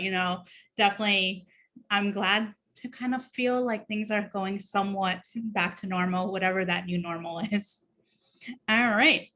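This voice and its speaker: A woman's voice: medium pitch, bright, forceful tone. A woman moderating an online career panel in an upbeat, chatty way, passing questions on to the speakers. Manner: upbeat, chatty, hands the floor on.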